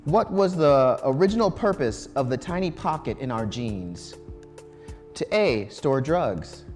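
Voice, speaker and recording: A man hosts a live quiz show from a college studio, mid-pitched and casual. He keeps things loose, with plenty of ums and restarts. A little music sits faintly behind him. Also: sing-song, measured pace, darkish tone. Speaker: game show host.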